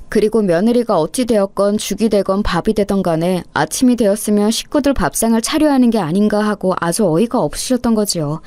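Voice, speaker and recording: A woman's voice: medium pitch, dark tone, dry recording. A woman in her thirties narrating a first-person story as a daughter-in-law, in a confiding, aggrieved way.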